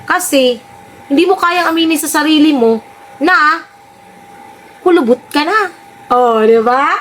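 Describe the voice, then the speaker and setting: A woman's voice: high-pitched, measured pace, a bit bright, slight background noise. A woman giving mocking, sarcastic reaction commentary on clips, often teasing and laughing.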